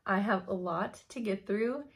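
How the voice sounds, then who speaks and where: A slightly hoarse young woman talks at a measured pace about her cross-stitch progress, laughing frequently while she thinks out loud. Her voice is mid-range, and she's recorded in her home craft room by a camera set in front of her at the desk.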